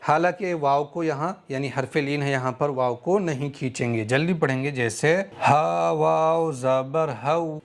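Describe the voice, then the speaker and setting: A male Quran reading teacher with a Pakistani Urdu accent, slowly spelling out syllables in a drill and then explaining the rules patiently. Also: fairly high pitch.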